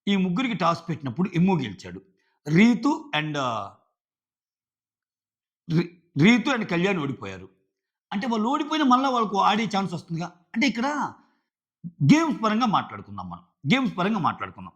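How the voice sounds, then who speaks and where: Talking briskly in a high-pitched voice broken by long pauses, this man argues his way through a casual reality show review. He's animated and mimics what the contestants said, all in dull lo-fi audio.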